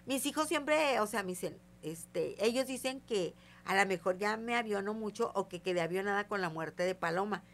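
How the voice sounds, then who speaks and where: A woman's voice: mid-range voice, lively intonation, moderate pace, few pauses, a bit bright. An older woman, a guest psychic telling stories in a casual interview and acting out the voices in them. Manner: tells stories vividly, acting out quoted dialogue.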